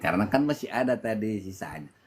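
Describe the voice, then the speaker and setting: Animated middle-aged Medan man. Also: lowish voice, quick pace, soft background music. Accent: Medan Indonesian. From Medan, Indonesia. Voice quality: animated storyteller, voice jumps up when excited. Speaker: guest giving testimony. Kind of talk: casual testimony interview.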